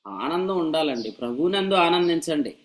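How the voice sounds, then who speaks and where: A pastor preaching a sermon to a church meeting, in a voice pitched a little above most men. He is lively and pointed, teasing and scolding his listeners with humor and firing off rhetorical questions. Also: normal speed, rough recording.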